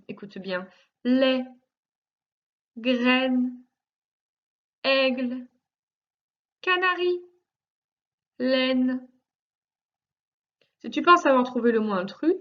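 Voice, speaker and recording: A woman teaching a recorded lesson for young children, speaking slowly with carefully articulated, stretched-out words, patient and reassuring as she addresses one child directly. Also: medium pitch, lo-fi sound. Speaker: primary school teacher.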